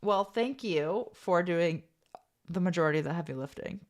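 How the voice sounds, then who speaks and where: A woman with a gravelly voice co-hosting a casual live podcast, chatty and relaxed. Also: lowish voice, normal speed. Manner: relaxed, chatty, thanks listeners. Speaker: podcast co-host.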